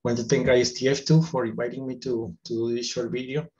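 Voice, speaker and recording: A man's voice: medium pitch, level tone, a little mellow. Guatemalan guy recording a talk at his desk, lots of ums and restarts, somewhat muffled webcam sound. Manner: measured, with frequent fillers and restarts. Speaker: forest engineer and economist. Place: indoors, virtual background.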